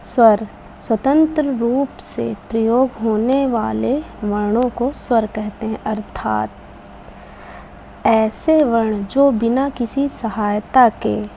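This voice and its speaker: A woman giving a patient grammar lesson to children, explaining slowly and repeating each point. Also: a little high, creaky, warm tone, slight background noise. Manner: slow, patient explaining with repetition; addresses children. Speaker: Hindi teacher.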